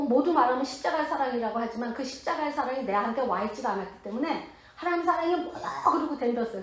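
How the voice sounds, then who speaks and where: A woman pastor around fifty preaches her testimony in a high voice. She tells it with animated emphasis and plain, blunt words. The sound rings around a very echoey hall. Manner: animated, emphatic storytelling with blunt colloquial speech. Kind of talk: testimony sermon.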